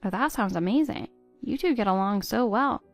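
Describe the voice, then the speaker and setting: A woman voicing a patient, hurt middle-aged stepmother who pleads gently with her stepdaughter. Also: medium pitch, expressive, normal speed, dry recording, faint music behind, lightly acted. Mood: confiding. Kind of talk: text-story voice acting.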